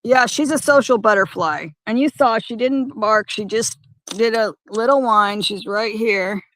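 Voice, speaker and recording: A woman chatting casually on a phone livestream by a lake, talking in halting, rambling bursts with many restarts. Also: fairly high pitch, a bit bright, no echo. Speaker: van-life vlogger. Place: parked by a lake.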